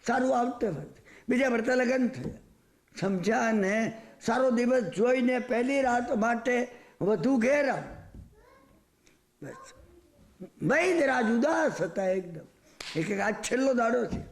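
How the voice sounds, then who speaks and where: A man preaching a storytelling sermon, animated, often turning to the listeners with asides. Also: extremely high pitch, measured pace, long pauses, reverberant. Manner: animated, rhetorical asides to the audience.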